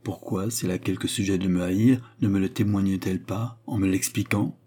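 A man's voice: low voice, fairly even intonation, a little fast, mellow, breathy edge. A man voicing a courtly cardinal in an audiobook reading, speaking in an earnest, pleading, courteous way.

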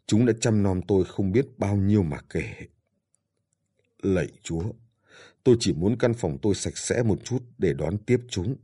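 A man reading as a frail old father on his deathbed, in pain and speaking weakly. His voice is deep, dark and husky, and it pleads for the daughters he misses. The character comes from an audiobook. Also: heavily acted. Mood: weary, longing. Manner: weak, pained, pleading.

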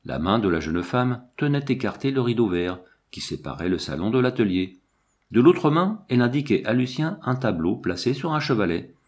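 A man narrating an older novel in a measured, expressive reading. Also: medium pitch. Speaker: audiobook narrator. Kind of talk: literary narration.

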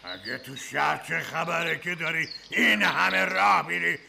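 An actor playing a gruff, mocking lion with a gravelly voice in a radio play. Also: medium pitch. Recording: noisy old broadcast tape.

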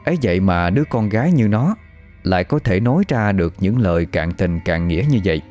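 A man narrating a ghost story in an expressive, animated way. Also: deep voice, brisk. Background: faint music.

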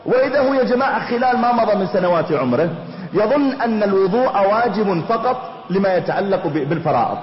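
A man preaching a sermon, telling stories in a lively way and voicing the people in them. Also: a little high. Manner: lively storytelling, voicing the people in his anecdotes. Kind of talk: storytelling sermon. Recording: echoey hall, dull lo-fi recording.

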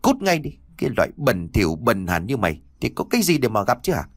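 A man voicing a bullying middle-aged male servant who yells insults. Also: medium pitch, big pitch swings, dry recording, clean studio sound. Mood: furious. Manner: shouting, fast, abusive.

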